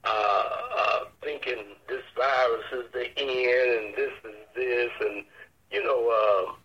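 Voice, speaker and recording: An older man with an Arkansas accent, a church elder speaking as an interview guest in a folksy, halting way. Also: mid-range voice, steady tone, fairly bright tone. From Arkansas, United States. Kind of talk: casual interview talk on faith. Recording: dull lo-fi radio or phone line.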